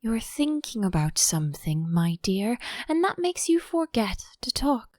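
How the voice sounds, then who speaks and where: A woman's voice: on the high side, very animated, measured pace, a little mellow, no room sound, clean studio sound. A woman voicing an overbearing, affectionate older Duchess in a storybook, effusive and sententious, drawing out her phrases. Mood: chiding, moralising.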